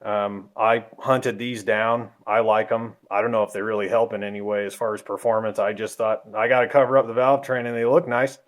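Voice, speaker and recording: A man giving a casual how-to walkthrough of an engine in a garage, talking in a relaxed, rambling way with ums and self-corrections, a little out of breath. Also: fairly low pitch, a little fast, hardly any pauses. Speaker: car hobbyist vlogger.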